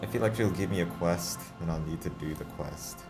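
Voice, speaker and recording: A man's voice: deep voice, fairly quick, over music. A man giving casual, chatty commentary while playing a video game. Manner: chatty, laughing, self-talking. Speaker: let's play host.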